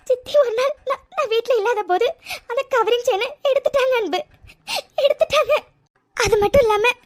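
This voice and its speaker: A woman voicing a sincere young woman in a cartoon, tearful and pleading, often repeating her words. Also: very high voice. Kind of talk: cartoon voice acting.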